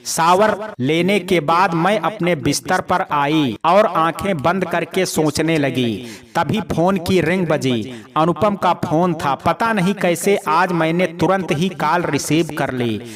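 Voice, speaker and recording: Man narrating a story, calm storytelling, very slow pace, fairly high voice, crowd murmur behind. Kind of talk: scripted first-person story narration.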